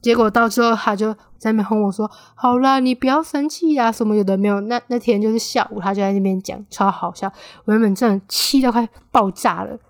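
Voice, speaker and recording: A woman's voice: fairly high pitch, a little fast, dry recording, clean studio sound. A woman of twenty with a Taiwanese Mandarin accent, chatting casually as the host of her solo podcast. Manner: chatty, animated when quoting friends.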